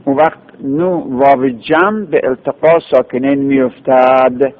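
A man giving a patient classroom grammar lesson, spelling out word forms one by one. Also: mid-range voice. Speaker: teacher of Arabic grammar. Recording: tinny phone-like radio recording.

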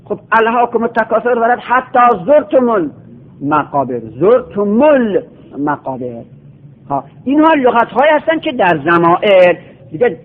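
A man teaching a lesson on Quranic recitation and grammar, explaining points by repeating word forms in drilled lists. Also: a little high. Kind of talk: classroom lecture. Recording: tinny phone-like audio.

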